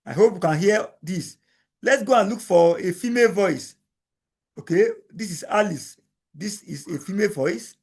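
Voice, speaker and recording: A man teaching a software tutorial, repeating each step in plain explanatory talk. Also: sits high, moderate pace, slightly rough. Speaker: instructor. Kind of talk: screen-recording software tutorial.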